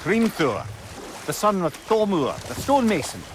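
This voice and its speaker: Brief: a wry, teasing old sage head, swooping animated delivery, noisy game audio. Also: male voice, high voice, normal speed. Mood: eager. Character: witty talking severed head, mischievous old sage.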